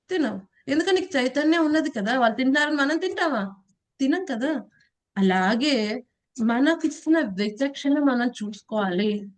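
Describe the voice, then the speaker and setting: A woman teaching a devotional scripture class in a conversational way, asking her listeners questions and acting out little quotes. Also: high voice. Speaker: Gita teacher.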